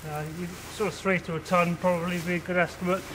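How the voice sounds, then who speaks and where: A man's voice: high voice, flat delivery, fast talker, background noise. A man in his twenties, a stockman working on a farm, talking plainly and practically while out of breath. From England. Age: 20s. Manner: plain-spoken, practical, with rustic grammar. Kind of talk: casual explanation while working. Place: outdoors at a farm barn.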